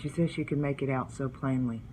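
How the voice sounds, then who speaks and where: A man's voice: medium pitch, steady tone, fairly quick, a little mellow, a little hiss or hum, rough recording. Earnest man telling family stories. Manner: earnest, heartfelt, religious storytelling. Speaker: vlogger. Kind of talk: storytelling vlog, partly read from a book.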